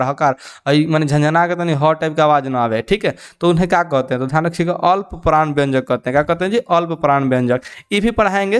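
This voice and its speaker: A man's voice: high voice, clean tone. A young man teaching an exam-prep lesson. He keeps asking his students to repeat the answer back and drops joking asides in local dialect. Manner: call-and-response questioning with "kya ho jayega ji?".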